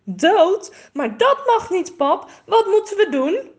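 A woman's voice: sits high, sing-song, normal speed, pitched above the performer's own voice. A woman voicing an eager, caring young girl in a storybook reading.

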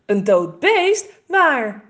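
A woman voicing a lively, blunt young boy in a storybook reading. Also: sits high, normal speed, pitched above the performer's own voice, lightly acted. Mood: excited.

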